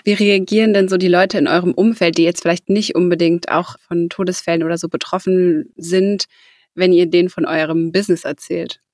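A woman's voice: lowish voice, steady tone, fairly quick, darkish tone, dry recording, clean studio sound. A woman in her thirties hosting a podcast, introducing the show and asking questions in a friendly, conversational way. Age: 30s. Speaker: podcast host. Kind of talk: podcast interview.

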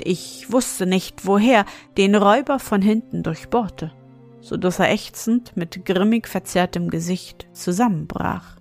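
A woman reads a fairy tale aloud at a slow, deliberate pace, measured and expressive. Her pitch sits in a middle range, with faint music underneath. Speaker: storyteller.

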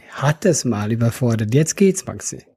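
A co-host with a Swiss accent and a slightly husky voice, talking casually. They explain things patiently and answer back with playful comebacks. The recording is close and dry. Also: medium pitch, animated, moderate pace, mellow, no room sound. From Switzerland. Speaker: podcast co-host. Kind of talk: casual chat.

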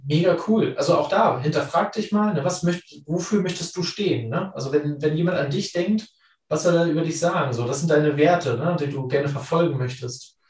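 A man's voice: fairly high pitch, fairly quick, darkish tone, far from the mic. A man hosting a podcast, coaching his listeners with many casual fillers. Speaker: podcast host. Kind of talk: podcast chat and wrap-up. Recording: roomy sound from off the mic.

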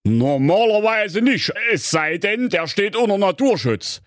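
A man's voice: high-pitched, very animated, measured pace, a bit bright, dry recording, clean studio sound, pitched above the performer's own voice, exaggerated voice. A man voicing a pompous, officious middle-aged father who reads out rules pedantically.

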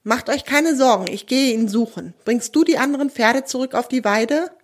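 A woman voicing an eager young male magic pony in a children's audio story, speaking in a lively, slightly pleading way. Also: high-pitched, normal speed, voice pushed up.

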